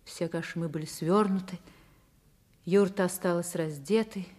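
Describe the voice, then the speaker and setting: A woman's voice: lowish voice, fairly even intonation, unhurried, dark tone. An actress playing an anguished, defiant woman telling her story in a theatrical old Soviet radio drama style of the 1960s. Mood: grim resolve. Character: anguished, defiant woman recounting her forced marriage at fifteen. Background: music.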